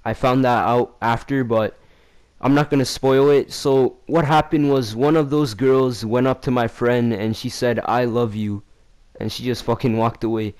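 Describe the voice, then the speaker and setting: A man's voice: fairly even intonation, normal speed, clean tone. A young man in a casual vlog telling a story in slangy, profane, rambling talk. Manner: acts out quoted lines in a louder, higher voice. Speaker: vlogger.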